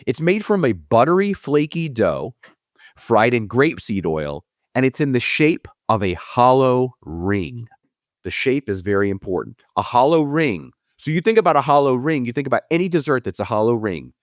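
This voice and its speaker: Lively, playful man hosting a trivia show. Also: mid-range voice, dry recording, clean studio sound. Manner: playful, chatty, quick asides. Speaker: quiz host. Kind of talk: hosting a comedy trivia podcast.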